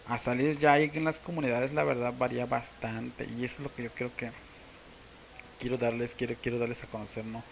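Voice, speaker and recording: A man with a Mexican Spanish accent, teaching a language casually to camera and slowly repeating words for practice. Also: medium pitch, vocal fry, slight background noise, poor audio.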